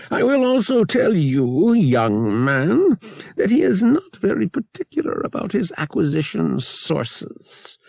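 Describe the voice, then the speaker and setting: A man's voice: a little high, vocal fry, darkish tone, husky, dry recording, pitched above the performer's own voice, exaggerated voice. A man voicing a fussy, dramatic old male antiques dealer who speaks in a pompous, theatrical way. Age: older.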